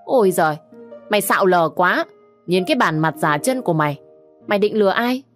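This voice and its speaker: A woman voicing a fiery young woman who scolds and mocks in quick bursts. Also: fairly low pitch, animated, faint music behind, natural voice. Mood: mocking. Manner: scornful, rapid scolding. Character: sharp-tongued young woman, fiery and mocking.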